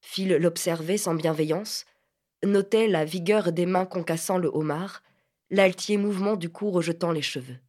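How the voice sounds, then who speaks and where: A woman narrating an audiobook of a literary novel in a measured, expressive reading. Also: fairly low pitch.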